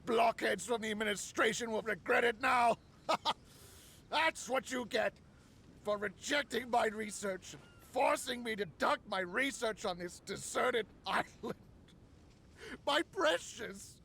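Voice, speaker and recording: A man's voice: very high voice, unhurried, vocal fry, bright, forceful tone, slightly rough, exaggerated voice. An actor playing a drunk, crazed male researcher who giggles and rambles in an unhinged way. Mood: manic, cackling.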